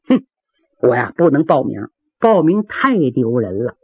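A woman doing a gruff, defiant young warrior. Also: a bass voice, very animated, measured pace, dry recording, pitched below the performer's own voice, exaggerated voice. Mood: grumbling. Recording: dry, tinny phone-like sound.

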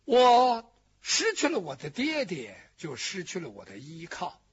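A man voicing a husky grieving mother. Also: high-pitched, very animated, fairly bright tone, heavily acted. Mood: lamenting. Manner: lamenting, drawn-out sung-like phrasing. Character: grieving middle-aged mother, abandoned wife. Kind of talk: storytelling performance in first person. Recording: dull lo-fi recording.

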